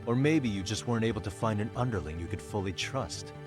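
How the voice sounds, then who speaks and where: An actor playing a blunt, dogged detective who challenges people informally in a video game drama. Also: male voice, lowish voice, fast, close to an everyday voice. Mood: accusing. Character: blunt, dogged male detective confronting a shady official. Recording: music behind the voice.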